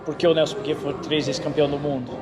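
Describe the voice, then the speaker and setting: Over loud music, a fairly high-pitched Brazilian man talks fast. A racing driver and instructor, he tells stories casually in an interview, animatedly dropping frequent "entendeu?" check-ins.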